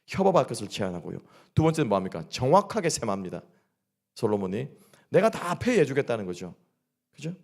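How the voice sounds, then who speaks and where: A man's voice: mid-range voice, sing-song, brisk, creaky, darkish tone. A man preaching a sermon at a midweek church service. He keeps asking the congregation questions and answering them himself. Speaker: pastor. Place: church sanctuary.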